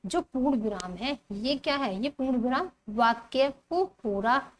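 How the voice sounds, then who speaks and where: A woman with a somewhat high voice takes the class through a grammar lesson. She reads from the textbook slowly and asks rhetorical questions as she explains. A faint hiss sits under the recording. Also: lively intonation. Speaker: teacher.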